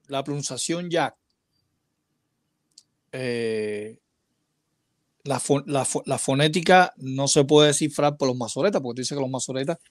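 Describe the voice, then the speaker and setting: Un hombre que debate sobre religión por videollamada, con preguntas pausadas y algunas muletillas. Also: male voice, medium pitch, no room sound. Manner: questioning, measured, with hesitant fillers.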